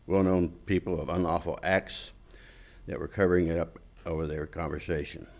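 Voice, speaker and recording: A man's voice: sits low, darkish tone. A man reading a report aloud as a citizen commenter at a council meeting.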